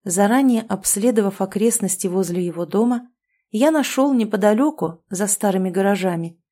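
A woman narrates a gothic ghost story in the first person. Her delivery is hushed and somber. Her voice is dark and mellow, at a middling pitch. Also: moderate pace. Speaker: audiobook reader.

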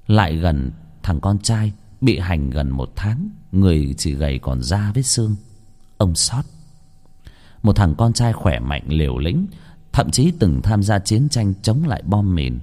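A man narrating a horror story as an expressive storyteller. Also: sits low, unhurried, in a large hall.

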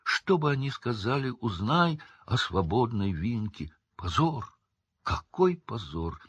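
A man voicing a devoted, tearful female house-elf who squeaks indignantly in broken grammar, in a storybook reading. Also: lively intonation, slow pace, breathy edge, no room sound, muffled recording. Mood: sobbing. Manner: tearful, indignant, ungrammatical speech.

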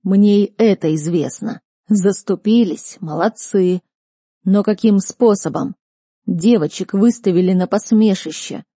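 A woman's voice: medium pitch, measured pace, warm tone, husky, no echo, clean studio sound. A woman reading an audiobook, voicing a stern, furious male academy rector who barks and scolds. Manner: barking, scolding.

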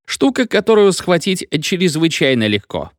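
A man's voice: a little high, big pitch swings, moderate pace, no echo, studio quality, voice pushed up. A man voicing a drunken, pompous village medic who lectures in a rambling, hiccuping sing-song. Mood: tipsy lecturing.

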